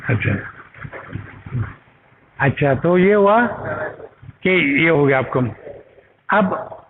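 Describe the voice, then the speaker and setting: A man's voice: fairly high pitch, expressive, very slow. A man teaching an Arabic grammar class, patiently repeating each word with its meaning and asking learners to say it aloud. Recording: tinny phone-like recording with loud noise.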